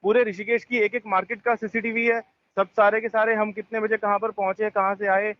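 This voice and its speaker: Heard over a muffled, lo-fi phone line, this man is a resort manager with a high voice, brisk pace and flat delivery. The call is tense, and he keeps explaining himself insistently, going back over the same points.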